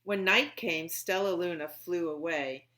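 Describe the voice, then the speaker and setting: A woman hosts a children's library storytime, reading picture books aloud to young kids and explaining things simply and expressively. Her voice is fairly low and a bit bright, at a measured pace.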